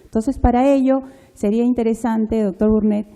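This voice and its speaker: A woman moderating a formal conference panel, explaining things in a halting way. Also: a little high, fairly even intonation, mellow.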